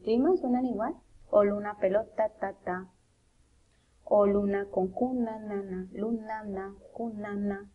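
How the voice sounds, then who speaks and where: A woman preschool teacher, giving an online lesson, slowly sounding out letters and syllables in a sing-song way for children and their mothers at home. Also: mid-range voice, phone-quality sound.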